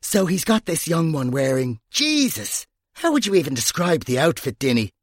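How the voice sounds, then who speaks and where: A bawdy, brash woman detective, as a male narrator puts her on for an audiobook. Her voice sits high and swoops about with lively, sing-song inflection. The sound is close and dry. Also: normal speed, no room sound. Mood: gleeful. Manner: brash, crude storyteller.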